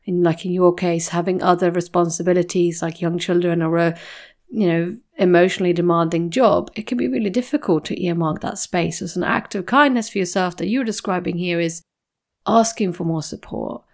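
A woman hosts a podcast interview with a low, gravelly voice. She talks in a reflective, thoughtful way, turning ideas over as she goes. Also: steady tone, fairly quick, a little mellow. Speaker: podcast host.

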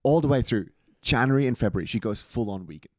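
A man's voice: mid-range voice, fast talker, dry recording, studio quality. A man from Switzerland co-hosting a podcast, telling stories in casual chat with plenty of swearing. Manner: swearing, animated storytelling. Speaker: podcast co-host.

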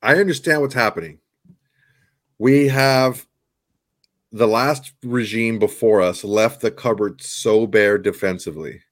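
A man's voice: lowish voice, unhurried. A man co-hosting a podcast, talking sports in a rambling, casual way with lots of restarts and the odd curse word. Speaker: podcast co-host.

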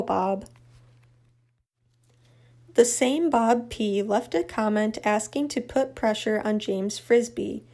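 A woman narrating a true crime update in an even, matter-of-fact scripted read. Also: mid-range voice.

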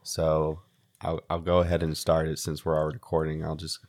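Young american guy chatting on a podcast, really low voice, stops and restarts a lot, kinda jokey. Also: completely flat delivery, darkish tone. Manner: halting, jokey, often restarts and repeats himself. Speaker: podcast co-host. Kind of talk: casual podcast chat. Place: home studio in a house.

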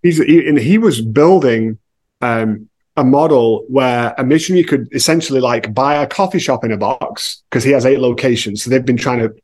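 A man's voice: medium pitch, moderate pace, a little mellow. A man talking as a guest on a podcast, blunt and emphatic, with a slangy casual manner and lots of "like" and "you know". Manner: frequent filler "like" and "you know".

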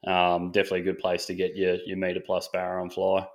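Low-pitched Australian man hosting a podcast. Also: monotone, fast. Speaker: podcast host. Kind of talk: casual interview chat.

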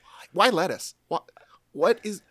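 A man's voice: high-pitched, animated, a little slow, fairly bright tone, no echo. A man from the Southern US co-hosting a podcast, making playful, jokey asides in casual chat. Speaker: podcast co-host.

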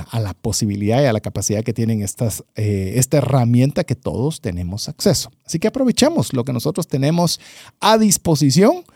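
A man hosts a podcast interview in a friendly, conversational way. He hesitates and repeats words as he asks his questions. His voice is mellow and sits at a middle pitch, recorded close and dry. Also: no room sound. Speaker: podcast host.

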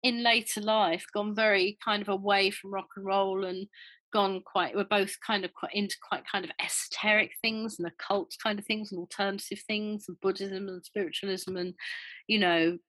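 A woman's voice: medium pitch, fairly even intonation, normal speed, fairly bright tone, no echo, low-quality recording. Older woman musician reminiscing, dry sound. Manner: rambling, hesitant, many fillers and restarts. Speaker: interview guest, former band member. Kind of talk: casual interview chat.

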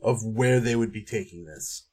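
A man narrating as game master in a tabletop game podcast, relaxed and full of ums. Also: fairly low pitch, normal speed, slightly rough.

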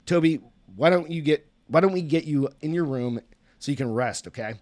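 A man reading the lines of a tired mother who speaks in a flat, monotone voice, in a dry recording. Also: fairly high pitch, normal speed, no echo, pitched above the performer's own voice, lightly acted. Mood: soothing. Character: weary mother, tired and soothing.

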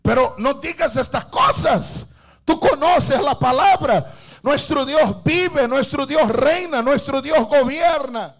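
An alarmed, devout husband, as a preacher acts him out, pleading with his wife in a very high, urgent voice. He slows down and presses each word, and his pleas climb into shouts. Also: huge pitch swings, slightly rough, full character voice. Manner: urgent, insistent, rising to shouts.

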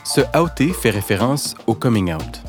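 A man giving scripted narration in a smooth, explanatory way. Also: mid-range voice, big pitch swings, moderate pace. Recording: narration over clear music.

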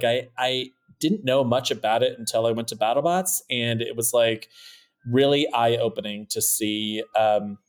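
A man hosting a podcast, reading out listener questions with frequent "um" fillers. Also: mid-range voice. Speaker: podcast host. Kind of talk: podcast interview.

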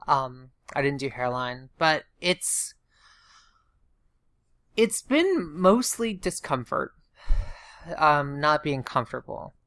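A woman chatting casually in a halting, self-deprecating way, her speech slightly impeded as if her mouth is sore after surgery. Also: sits low, very animated, fairly bright tone, no room sound. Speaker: vlogger recounting surgery recovery. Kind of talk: casual chat, personal video diary.

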